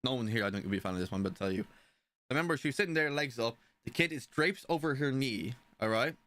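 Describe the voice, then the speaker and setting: A man's voice: medium pitch, expressive, fast talker, pushed and bright. A young man telling a personal story in a casual, rambling way, often swearing and asking "you know what I mean". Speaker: stream participant.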